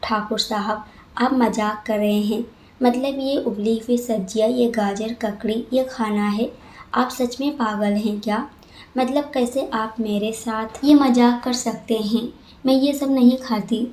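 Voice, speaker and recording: A woman's voice: on the high side, fairly even intonation, unhurried, darkish tone, close to an everyday voice. Woman doing a whiny, spoiled young woman. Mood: complaining. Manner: whiny and complaining. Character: spoiled, sulky young woman, childish and talkative. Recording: roomy echo.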